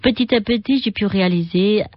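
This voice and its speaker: A middle-aged woman from China, with a Chinese accent, speaking as an interview guest who often pauses and searches for words. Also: medium pitch, dry recording, highs cut off. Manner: halting, searching for words with many fillers. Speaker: guest, Qigong and Tai Chi teacher. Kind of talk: radio interview.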